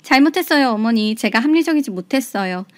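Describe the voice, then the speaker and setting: A woman's voice: fairly high pitch, animated, quick pace, no echo, lightly acted. A woman voicing a self-pitying ex-wife who pleads in a whiny way. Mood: pleading.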